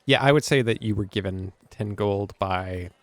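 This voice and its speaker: A man narrating a tabletop role-playing game as game master, playful and quick to laugh. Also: on the low side, no room sound.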